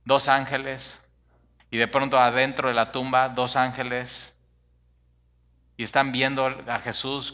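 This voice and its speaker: A man preaching a sermon, animated and conversational, full of rhetorical questions. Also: mid-range voice. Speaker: pastor.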